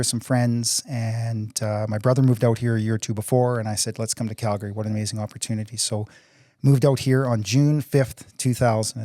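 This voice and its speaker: A man's voice: mid-range voice, warm tone, no room sound, clean studio sound. A man in his forties, a city council candidate answering interview questions in an earnest, upbeat way, often repeating words as he goes. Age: 40s.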